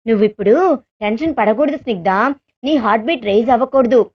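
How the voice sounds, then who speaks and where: A tender young man who teases his sweetheart softly, as a woman narrator reads his lines a little lower than her own high voice. His speech is affectionate and gentle, and the audio is dull and lo-fi. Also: fast, natural voice. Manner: soft, affectionate teasing.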